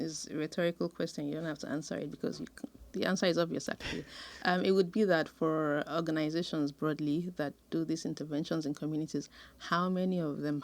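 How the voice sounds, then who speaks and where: Woman guest expert, low pitch, thoughtful and measured, pauses often. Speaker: sociologist guest. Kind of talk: conversational interview answers.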